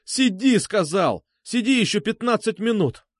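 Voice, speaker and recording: A man's voice: fairly high pitch, big pitch swings, moderate pace, no echo, clean studio sound. Man voicing a desperate furious young man. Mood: urgent angry. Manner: urgent, commanding, shouting.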